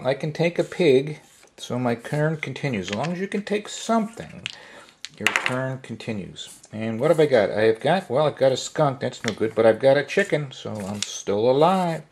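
A man who owns a craft shop, casually demonstrating a board game at a tabletop in his workshop. He talks in a relaxed, folksy way, with fillers. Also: mid-range voice, noisy background. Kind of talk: casual product demo.

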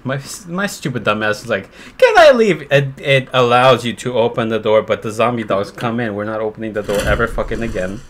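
A man's voice: on the low side, fairly even intonation, fairly quick, few pauses, fairly bright tone, a little hiss or hum. A man streaming a horror game live, talking to himself and cursing in panic as he plays. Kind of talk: live gameplay commentary.

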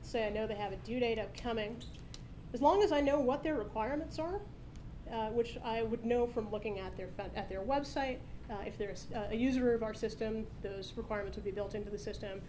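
Woman, thirties, quick upbeat product demo, fairly high voice, podium mic on a stage. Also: dark tone, slight background noise, rough recording. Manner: brisk, explanatory, upbeat. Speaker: startup founder presenting a product demo. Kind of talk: live product demo presentation. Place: conference stage at a meetup, indoors. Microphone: podium microphone.

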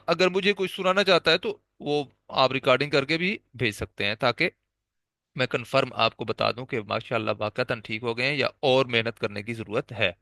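Man, Pakistani Urdu accent, tajweed teacher, bright crisp voice, dry close sound, drills letters patiently. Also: mid-range voice, dry recording. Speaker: Quran recitation teacher. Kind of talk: tajweed lesson.

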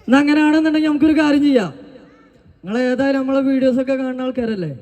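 A man's voice: very high voice, racing, a little mellow. A man doing playful live stage comedy banter. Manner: playful, teasing the crowd. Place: stadium stage before a crowd. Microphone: handheld stage mic. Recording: reverberant open-air stage. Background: crowd.

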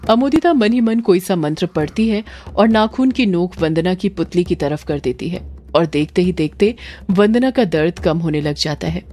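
A woman storyteller narrating a horror story in a steady, dramatic way. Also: on the low side, normal speed. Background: faint background music.

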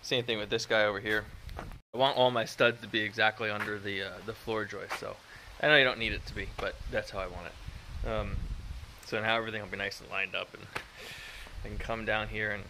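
Filming on a phone at arm's length in a wooded construction site, this home builder vlogger in his thirties talks casually, rambling with fillers and self-deprecating asides. His lowish, fairly even voice is quick and sharp, and the low-quality recording carries a little hiss or hum.

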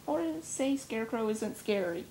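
A woman's voice: fairly high pitch, lively intonation, moderate pace, darkish tone, slight background noise. Giggly young woman chatting casually. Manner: rambling, giggly, speculative. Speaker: comic fan co-host. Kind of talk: casual chat.

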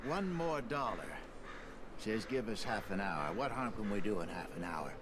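A man's voice: lowish voice, lively intonation, normal speed, background noise, natural voice. An actor playing a sly, boisterous saloon huckster with theatrical showman patter in a western video game. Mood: sly, wheedling.

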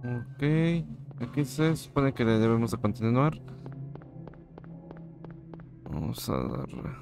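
A man's voice: mid-range voice, very animated, takes it slowly, creaky, over music. A young man with a Mexican accent commentating a horror game, cracking slangy jokes. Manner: joking, slangy, yelps when scared. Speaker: gaming host. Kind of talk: horror let's-play commentary.

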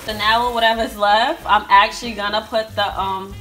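A young woman chats her way through a cooking vlog in her home kitchen, explaining each step and addressing viewers as y'all. Her medium-pitched voice has fairly even intonation and a moderate pace, over music and sizzling food.

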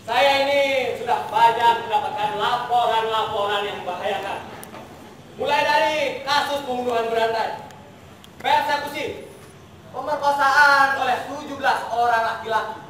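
A young male student actor playing a pompous, bossy regent in a comic stage play, with theatrical, deliberate delivery. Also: very high voice, fairly bright tone. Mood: self-important. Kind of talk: comic amateur stage acting. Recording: noisy, echoing stage, distant microphone.

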